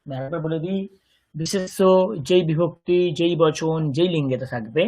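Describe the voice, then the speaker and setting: A man's voice: a little high, normal speed, darkish tone. A man with a Bengali accent teaching a Sanskrit grammar lesson, patiently explaining and repeating words for his students. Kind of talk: online language lesson.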